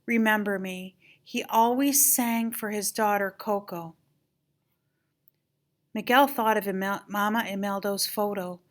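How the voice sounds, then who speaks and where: An older woman with a grandmotherly voice reads a children's story aloud, expressively and with dramatic emphasis. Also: mid-range voice. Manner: animated, dramatic emphasis on exclamations and key moments.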